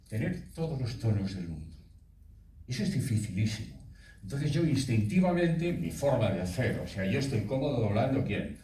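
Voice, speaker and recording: A man's voice: fairly low pitch, mellow, slight background noise. Older man in his eighties, echoey hall. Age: 80s. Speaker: voice actor guest. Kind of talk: festival talk on stage. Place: festival hall. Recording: echoey hall, speaker far from mic.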